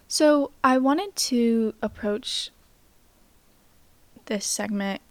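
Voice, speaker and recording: A woman hosting a reflective mindfulness podcast, speaking gently with pauses and soft, breathy phrase endings, her voice slightly worn. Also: on the high side, dry recording. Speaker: podcast host.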